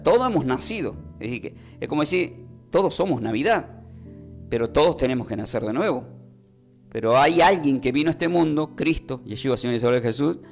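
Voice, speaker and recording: A male preacher delivers a radio sermon in a mid-range voice. He explains things patiently and at times slows right down to spell words out. Soft instrumental music runs quietly underneath. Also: mid-range voice. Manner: teaching slowly, spelling words out for listeners to note. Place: radio studio.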